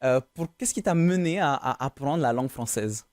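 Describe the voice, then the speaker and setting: A man hosting a television interview, asking relaxed, encouraging questions with frequent hesitations. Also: medium pitch, moderate pace, no echo, studio quality.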